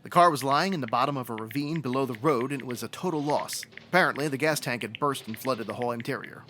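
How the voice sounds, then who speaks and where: In an old-time radio detective drama, a male actor plays a matter-of-fact police sergeant who talks in a dry, procedural, folksy way. His mid-range voice moves at a quick pace and is lightly acted, with heavy background noise behind it.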